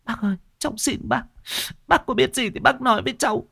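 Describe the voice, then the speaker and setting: A man voicing a desperate young widowed mother who pleads tearfully in a high, wailing voice, in a spoken ghost story. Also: a little fast, gravelly, sharp tone, slightly rough, no room sound, clean studio sound, full character voice. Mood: pleading.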